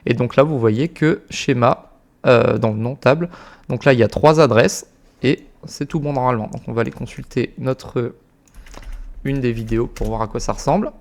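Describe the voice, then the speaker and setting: A young man explaining a software automation setup step by step in a casual, informal way, with frequent fillers and slang. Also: medium pitch, normal speed, creaky. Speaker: automation tutorial creator. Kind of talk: casual screen-recorded tutorial.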